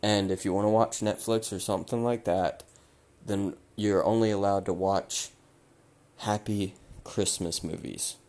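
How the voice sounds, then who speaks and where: A man talks slowly in a fairly low voice, giving blunt advice on his podcast. He swears freely and often repeats his words. His voice is getting hoarse as he goes. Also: fairly even intonation, a little mellow. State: losing his voice, clearing his throat. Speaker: podcast host. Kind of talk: casual advice monologue.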